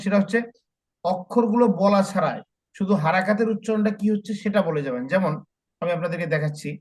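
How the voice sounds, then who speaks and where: A male Quran teacher leading a lesson, chanting Arabic letter-and-vowel drills slowly and then explaining quickly. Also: high voice. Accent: Bangladeshi Bengali. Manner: slow syllable drills, then brisk explaining.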